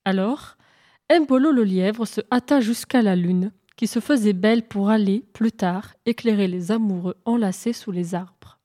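A woman narrating an animal fable in a lively, expressive storytelling manner. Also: mid-range voice, unhurried.

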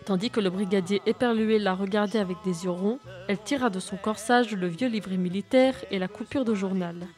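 A woman narrating a children's adventure story aloud in a steady, clear reading voice. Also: medium pitch, fairly quick, hardly any pauses, faint music behind.

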